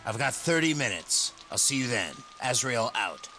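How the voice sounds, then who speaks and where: A man's voice: mid-range voice, big pitch swings, normal speed, pushed and bright. A man playing a terse, guarded video game protagonist with clipped, urgent delivery over music and rain.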